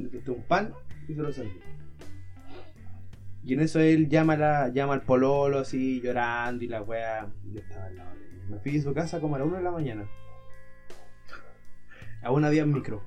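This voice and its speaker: A young adult man with a Chilean accent, casually telling a story among friends, animated and full of slang. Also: mid-range voice. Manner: animated, slangy, laughs loudly.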